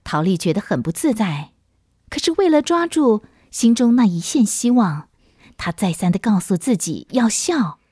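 Expressive woman storyteller, husky tone. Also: medium pitch, moderate pace, dry recording, clean studio sound. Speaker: narrator. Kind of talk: storybook narration.

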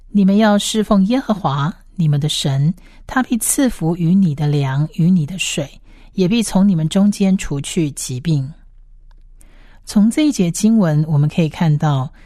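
A woman talks through a Bible study passage by passage, in a steady explanatory manner. Her voice sits a little low for a woman. The recording is dry, with no room sound. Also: dry recording. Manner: steady explanatory reading, reads scripture aloud. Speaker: Bible teacher. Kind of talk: scripted Bible study lecture.

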